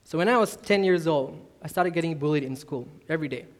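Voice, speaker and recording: A Malaysian youth minister in his twenties preaches a sermon built on his personal testimony. His voice is a little high and quick, and he comes across as earnest and self-deprecating.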